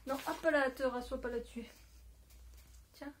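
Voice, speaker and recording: A woman's voice: high-pitched, steady tone, measured pace, a little hiss or hum. A woman talking casually to her phone camera at home as a knitting podcaster, rambling with many fillers and self-corrections. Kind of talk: casual video chat. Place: at home, indoors.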